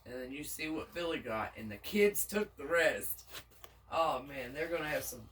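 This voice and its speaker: A woman's voice: deep voice, lively intonation, moderate pace, a bit bright, recorded from a distance, poor audio. A chatty, folksy woman with a Southern US accent talks casually over a meal, laughing easily. She sits a little away from the mic, and a faint hum of background noise runs underneath. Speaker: vlogger, mukbang co-host. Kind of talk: casual chat while eating.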